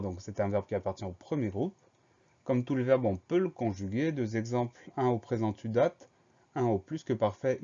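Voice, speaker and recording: Methodical teacher spelling out words. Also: male voice, medium pitch, warm tone. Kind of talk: spelling lesson, dictation preparation. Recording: slightly dull lo-fi sound.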